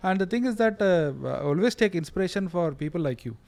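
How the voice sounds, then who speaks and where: Very fast-talking Tamil Indian man, deferential interviewer. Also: high voice, expressive, gravelly, darkish tone. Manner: deferential, effusive, agreeable, echoing the guest. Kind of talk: conversational interview.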